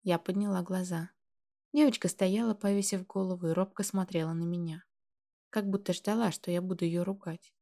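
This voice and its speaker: Woman, audiobook narration, gentle even delivery, mellow tone. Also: lowish voice, normal speed, creaky.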